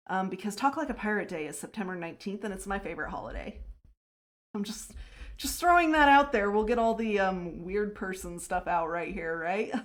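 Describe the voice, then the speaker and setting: A woman hosts her own livestream in a relaxed, chatty way. She laughs often and answers her chat between thoughts as she plays. Her voice sits at a middle pitch for a woman. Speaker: livestreamer and server host. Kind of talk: casual livestream chat while playing a game.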